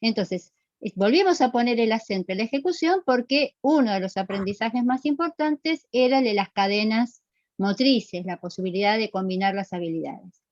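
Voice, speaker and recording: A woman's voice: a little high, animated, moderate pace, darkish tone, no echo, muffled recording. A woman teaching an online class, explaining step by step and quizzing her students. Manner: explanatory, asks the class questions and repeats answers.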